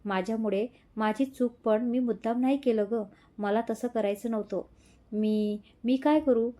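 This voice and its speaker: A woman's voice: on the high side, steady tone, normal speed, mellow, natural voice. A woman voicing a tearful, guilt-ridden young woman. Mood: tearful pleading. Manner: tearful, pleading.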